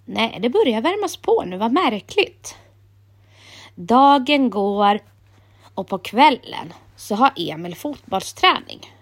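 A woman calmly reading a children's story aloud in a gentle storytelling manner. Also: a little high.

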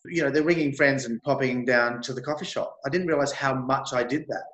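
A man's voice: mid-range voice, steady tone, fairly quick, fairly bright tone, echoey room, low-quality recording. An Australian man chatting expressively as a guest in a casual interview.

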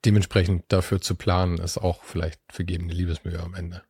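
Male podcast host, deep mellow husky voice, chatty. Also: little pitch movement, brisk, no echo, studio quality. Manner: chatty, conversational, reflective. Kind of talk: casual podcast conversation.

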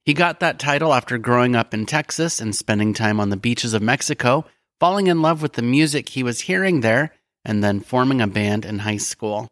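A man co-hosts a casual music podcast with a relaxed, friendly manner. His voice sits in a middle range. The sound is dry and close, with no room around it. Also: medium pitch, moderate pace, no echo. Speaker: podcast co-host. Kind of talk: casual chat.

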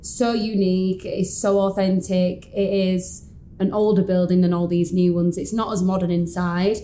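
A woman's voice: lowish voice, little pitch movement, moderate pace, warm tone. A woman with a Yorkshire accent, a real estate agent chatting casually on a podcast and talking through prices with a few ums. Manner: friendly, talks through prices with filler ums.

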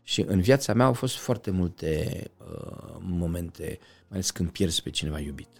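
Gravelly low-voiced man, passionate guest. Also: lively intonation. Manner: passionate, swings from loud outbursts to quiet reflection. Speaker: podcast guest. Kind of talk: conversational interview.

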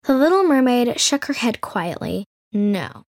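A woman's voice: a little high, very animated, moderate pace. A woman telling a fairy tale as the show's storyteller in scripted narration, with playful, sarcastic asides.

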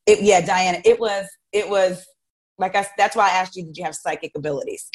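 Female podcast host; low-pitched, effusive, casual. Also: steady tone, a little fast. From South Jersey, USA. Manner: chatty, effusive, restarts sentences. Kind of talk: casual interview chat.

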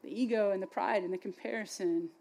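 A woman's voice: mid-range voice, fast talker, creaky, warm tone. A young adult woman giving a passionate, conversational sermon to a youth gathering, chatty and full of "like" and "y'all". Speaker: speaker at a youth faith gathering.

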